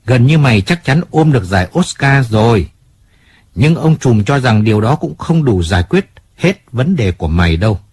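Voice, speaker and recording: A man voicing a calm, businesslike male family adviser in an audiobook, speaking firmly and plainly. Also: mid-range voice, husky. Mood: reassuring. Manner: measured, firm, businesslike.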